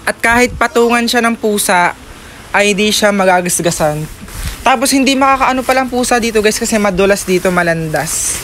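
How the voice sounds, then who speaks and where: A man's voice: high-pitched, normal speed, a bit bright, a little hiss or hum. A man with a Southern Tagalog accent vlogging casually to camera and to a child in a playful, teasing, exclamatory way.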